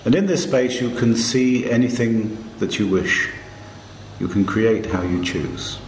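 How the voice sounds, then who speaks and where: A man leads a guided meditation in a low voice, calm and hushed. He speaks very slowly, leaving long pauses between short phrases. The recording is echoey, with a faint hiss behind him. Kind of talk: slow guided meditation narration.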